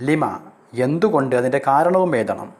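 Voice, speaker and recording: A male Arabic teacher from Kerala explaining a lesson step by step, speaking Arabic phrases slowly and then translating them. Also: a little high, expressive, darkish tone. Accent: Kerala Malayalam. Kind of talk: recorded classroom lesson.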